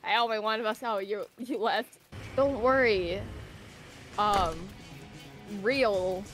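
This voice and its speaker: A young woman chatting casually while playing an online game with a friend, excitable and loud when in trouble. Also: medium pitch, slow. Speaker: game streamer. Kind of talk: casual gameplay chat. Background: game music.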